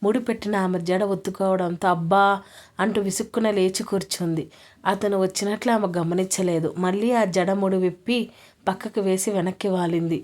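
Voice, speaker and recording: A woman narrating a romance story in a steady, even reading voice. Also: medium pitch, moderate pace.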